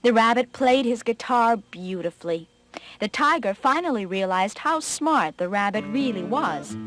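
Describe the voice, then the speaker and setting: A woman narrating a children's folk tale in an expressive, gently dramatic way. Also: on the high side, moderate pace, faint music behind. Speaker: storyteller.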